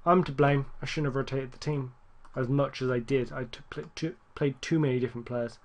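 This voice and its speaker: A man giving casual, rambling gameplay commentary, correcting himself often and getting excited at near misses. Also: medium pitch, brisk. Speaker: gaming YouTuber.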